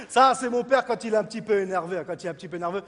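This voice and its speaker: A man from Morocco doing a lively stand-up comedy set in front of an audience, mixing in Moroccan Arabic phrases. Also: high-pitched, racing. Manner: lively, switching between French and Moroccan Arabic phrases, acting out his parents. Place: large stage before a live audience. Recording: hall reverb with crowd laughter.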